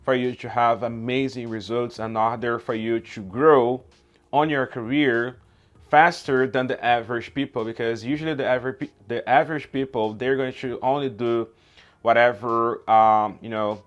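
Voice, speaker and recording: The outdoor vlog talk comes from a Brazilian YouTube host, a native Portuguese speaker who regularly tags his sentences with "okay?" and "right?" His medium-pitched voice stays steady at normal speed, and the audio has its highs cut off.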